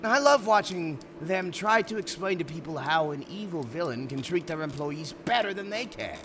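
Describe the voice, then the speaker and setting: Here the man uses his natural voice pushed up to a fairly high pitch, with lively intonation and a moderate pace, over background noise. The ASMR roleplay casts him as an urbane, smug supervillain interviewing a prospective minion, and he sounds courteous, theatrical, emphatic, smug and businesslike.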